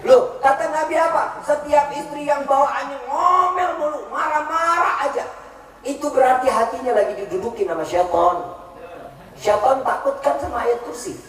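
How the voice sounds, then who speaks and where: A man's voice: very high-pitched, moderate pace, fairly bright tone. A man preaching a humorous sermon at a large religious gathering, joking and often putting questions to the crowd. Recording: echoey hall, voice from far off.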